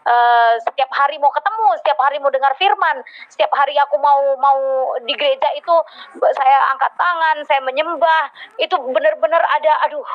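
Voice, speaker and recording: A woman's voice: high-pitched, brisk. A woman telling a heartfelt personal testimony to a congregation, with many hesitant fillers. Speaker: church member giving testimony. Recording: dull lo-fi recording.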